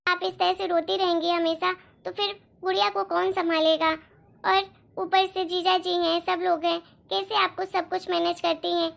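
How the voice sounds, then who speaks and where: Woman as a caring cartoon sister-in-law, soft, persuasive, gently scolding, very high voice with some fry. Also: flat delivery, moderate pace, full character voice. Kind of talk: Hindi cartoon moral-story voice acting.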